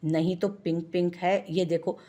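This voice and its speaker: A woman's voice: on the low side, level tone, normal speed, dark tone, muffled recording, lightly acted. Cheeky teasing young man, read by a woman. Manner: playful, mocking.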